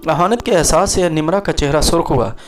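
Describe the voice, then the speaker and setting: A man reading a dramatic romance story aloud as a storyteller, in a steady, even way. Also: on the high side, fairly quick. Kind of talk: scripted story narration. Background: soft background music.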